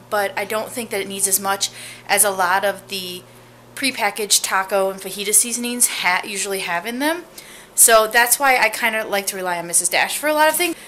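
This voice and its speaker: A woman with a bright, forceful, mid-range voice chats upbeat and directly to her viewers in a casual family vlog, holding the camera at arm's length. She starts in a car and moves to a home kitchen and living room, with a little hiss or hum in the audio.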